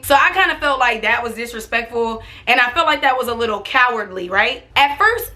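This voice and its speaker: A young American woman telling a casual storytime in a sassy, expressive, slangy way with plenty of swearing. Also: a little high. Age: young adult. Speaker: storytime vlogger.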